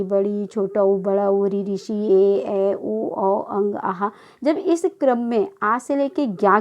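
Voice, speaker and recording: A woman teacher with a slightly high voice explains a grammar lesson to a class. She goes over each definition more than once and keeps asking whether it is clear. When she lists the vowel sounds, she stretches each one out slowly. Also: darkish tone. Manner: patient, repeats definitions, checks understanding. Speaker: school Hindi teacher.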